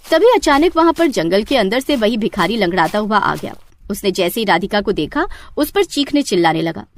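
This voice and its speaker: A woman's voice: medium pitch, big pitch swings, normal speed, slight background noise. A woman narrating a scripted story.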